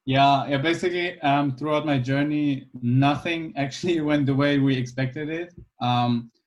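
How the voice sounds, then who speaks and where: A man in his twenties from Iran, a guest speaking in a casual interview, easygoing and thoughtful with many pauses. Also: fairly high pitch, muffled recording. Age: 20s.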